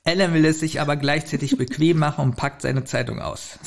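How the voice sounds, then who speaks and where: On a casual podcast review, a male co-host recounts and picks apart a story's plot in a relaxed, conversational manner. He speaks briskly with a fairly high, creaky voice and fairly even intonation.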